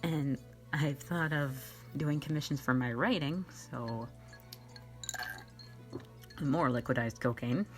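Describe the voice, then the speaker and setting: A young woman who runs an online channel and does amateur voice acting hosts a laid-back Q&A, giggling, rambling and teasing herself. Her voice is a rumbling low, slow, with long pauses, and faint music plays in the background.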